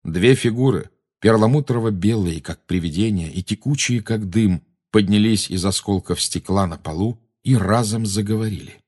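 A man reading a fantasy novel aloud in steady, measured dramatic audiobook narration. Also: fairly low pitch, breathy edge.

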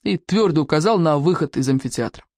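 Brief: expressive storybook narrator, very lively pitch, dry close mic. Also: brisk, no room sound. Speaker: audiobook reader.

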